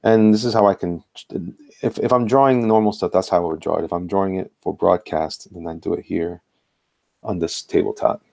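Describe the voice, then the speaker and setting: A man's voice: low voice, fairly even intonation, brisk, creaky, a little mellow, dry recording. A middle-aged man with a New York accent, chatting casually and playfully on a live stream as he draws, rambling and repeating his phrases. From the Bronx, New York. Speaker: artist hosting a live drawing stream. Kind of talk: casual live-stream chat while drawing. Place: indoors at a tabletop.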